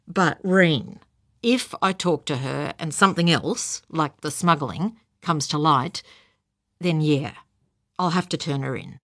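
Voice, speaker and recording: Brief: a blunt, steady male cop, low, dry delivery, voiced by a woman. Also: slow pace, dry recording, heavily acted. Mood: serious.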